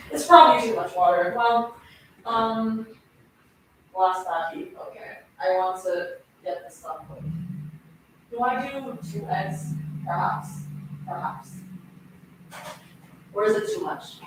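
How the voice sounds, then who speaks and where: A young Turkish woman chats with her live stream viewers while cooking in her home kitchen, giggling, talking a lot, and addressing the food as she works. Her voice is slightly high and was picked up from a distance in an echoey room, with a little background noise.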